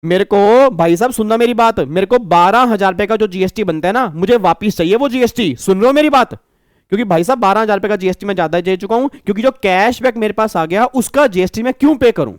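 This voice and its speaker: A man's voice: high voice, fast, no room sound, clean studio sound, lightly acted. A man voicing an angry young male customer who insists on getting his money back, in a lesson story. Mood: angry, insistent. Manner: insistent, shouting complaints.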